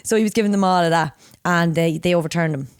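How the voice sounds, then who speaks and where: A woman's voice: fairly low pitch, quick pace, clear, resonant tone, dry recording. A young Irish woman co-hosting a casual podcast, telling crude, rambling stories with a laugh. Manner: lively storyteller, crude banter, frequent laughs. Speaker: podcast co-host. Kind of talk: casual chat.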